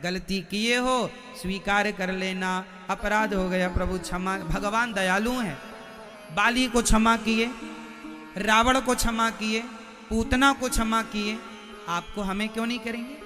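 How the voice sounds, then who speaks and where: A man delivering a devotional sermon before a live audience, speaking slowly and emphatically, breaking into sung verses and putting questions straight to his listeners. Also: high-pitched, fairly even intonation, big-room sound, music in the background. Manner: slow, emphatic, addresses listeners directly with questions. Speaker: preacher of religious storytelling.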